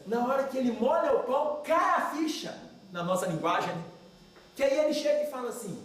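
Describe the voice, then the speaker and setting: A man giving a religious study talk, animated and putting questions to the audience. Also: very high-pitched, a little hiss or hum. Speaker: lecturer. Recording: echoey hall, distant mic.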